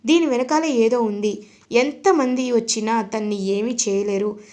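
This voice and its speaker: Woman doing a serial recap, lively storytelling, a bit high voiced. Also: measured pace. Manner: lively narration mixing in English words.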